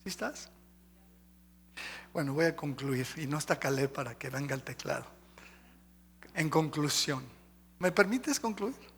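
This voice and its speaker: A man's voice: a little high, animated, a little slow, long pauses, fairly bright tone, slightly rough, long reverb tail. A male pastor preaching emphatically, running through lists and questioning the congregation. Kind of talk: sermon. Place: church sanctuary.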